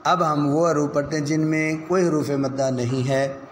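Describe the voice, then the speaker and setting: A man teaching children to read Arabic letters, calling out each sound slowly for them to repeat. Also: fairly high pitch, steady tone, slight background noise. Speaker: Quran reading teacher. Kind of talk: call-and-response phonics lesson.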